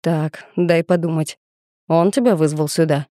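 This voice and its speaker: A woman reading the lines of a tough, gruff man who gives short, clipped orders in an audiobook. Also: low voice, steady tone, a little slow, warm tone, no room sound, clean studio sound. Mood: curt commanding.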